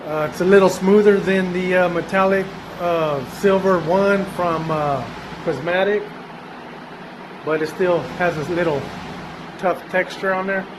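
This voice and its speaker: A man's voice: high-pitched, fairly even intonation, unhurried, noisy background. A man narrating his own workshop vlog in a loose, chatty way, with many fillers and restarts. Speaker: DIY vlogger.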